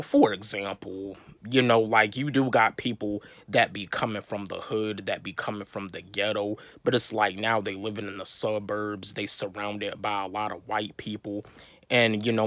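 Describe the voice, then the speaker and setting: A young man speaks in a low voice, recorded dry and close. He gives a motivational talk to camera, looping back on himself, restarting phrases and leaning on fillers. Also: normal speed, fairly bright tone, no room sound. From North Carolina, USA. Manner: rambling, repetitive, many fillers and restarts. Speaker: vlogger.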